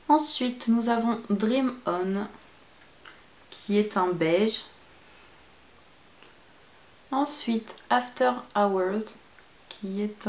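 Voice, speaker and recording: Woman doing a chatty makeup review, excited about the colors, bit of room echo. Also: medium pitch. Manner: chatty, enthusiastic describing shades. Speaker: beauty vlogger.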